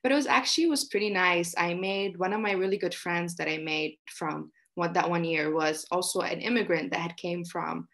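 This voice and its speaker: A woman's voice: on the low side, fairly quick, hardly any pauses, a bit bright. Chatty young woman from Egypt. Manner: chatty, many fillers like "like". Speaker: guest. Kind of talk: casual interview chat. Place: small room indoors. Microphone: video call.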